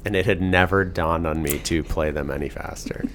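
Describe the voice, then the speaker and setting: A man co-hosts a podcast with a very deep voice. His remarks are dry and low-key, and faint noise sits behind him. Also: steady tone, normal speed, fairly bright tone. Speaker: podcast co-host. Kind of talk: casual podcast chat.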